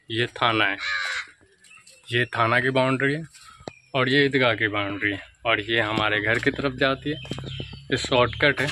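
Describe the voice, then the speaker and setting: Holding his phone at arm's length, a young male vlogger chats his way through his shop and a village market, pointing out sights to his viewers. His medium-pitched voice sounds bright and forceful, with a little hiss or hum over poor-quality audio.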